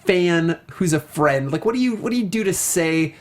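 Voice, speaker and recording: With a fairly high, animated voice and a moderate pace, a co-host swaps anecdotes on a casual discussion show. He's chatty and enthusiastic as talk turns to video games and films.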